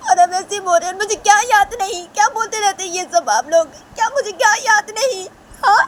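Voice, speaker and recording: A woman voicing a hysterical young woman in a storybook tale, crying out in shrill, sobbing outbursts. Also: a little fast.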